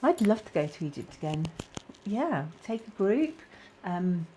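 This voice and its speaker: A middle-aged woman with a British accent hosting a casual live-stream chat, talking warmly to viewers with plenty of fillers. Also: medium pitch, sing-song, measured pace, a little hiss or hum. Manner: chatty, many fillers, reads out viewer comments. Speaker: spiritual guidance host.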